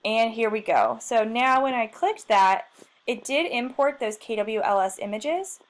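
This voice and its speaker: Her pitch is fairly high and her pace measured as she, a marketing trainer, guides a software tutorial over screen share. She keeps up a self-deprecating, chatty stream of thought while clicking around.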